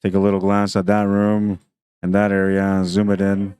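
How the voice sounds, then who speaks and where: Male livestream pool commentator: low, even delivery, talks through shots casually. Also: moderate pace, smooth. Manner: chatty, thinks aloud about shots.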